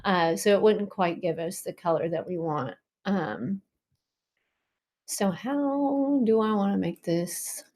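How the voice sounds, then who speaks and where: A woman's voice: mid-range voice, slow pace, darkish tone. A woman at home casually walking viewers through a design tool on a shared screen, chatty and full of ums and likes. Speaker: design tutorial presenter.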